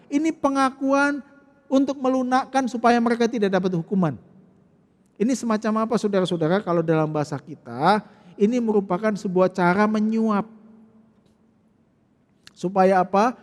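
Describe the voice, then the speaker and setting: Pastor guy preaching, very high voice, chatty rhetorical questions, big church echo. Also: normal speed, long pauses. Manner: conversational, asks the congregation rhetorical questions. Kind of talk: sermon. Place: church sanctuary. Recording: long church reverb.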